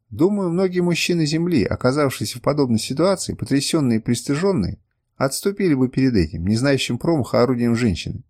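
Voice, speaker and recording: A male narrator reading a first-person adventure audiobook. He speaks at a middle pitch with a lively, varied melody and a measured delivery.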